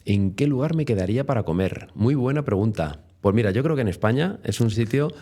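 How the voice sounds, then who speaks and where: A man's voice: medium pitch, animated, a little fast, dark tone. A man with a Spain Spanish accent, a guest telling travel stories in a chatty, rambling way full of tag questions. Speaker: interview guest. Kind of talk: casual storytelling interview.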